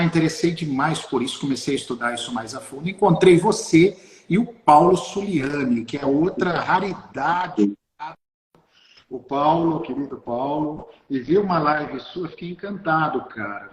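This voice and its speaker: Man, host, effusive, halting, live interview, echoey room, long reverb. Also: on the high side, lively intonation. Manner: effusive, halting, many restarts. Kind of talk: live video-call interview. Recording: roomy, echoey sound.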